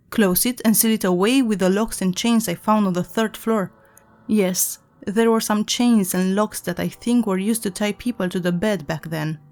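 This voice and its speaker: A woman's voice: mid-range voice, a little mellow, close to an everyday voice. A woman reading the part of a desperate man in his thirties, speaking urgently in the first person.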